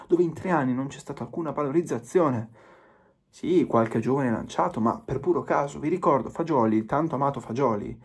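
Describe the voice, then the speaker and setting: Man, husky voice, emphatic, repetitive, pleading football-fan rant. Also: a little high, a little mellow. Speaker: football commentator. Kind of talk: impassioned fan monologue.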